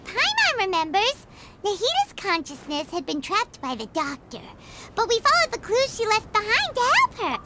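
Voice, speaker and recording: A woman voicing a tiny, excitable, talkative fairy girl in a video game, with a squeaky childlike voice. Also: full character voice. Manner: refers to self in third person, exclaims often. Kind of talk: animated video game dialogue.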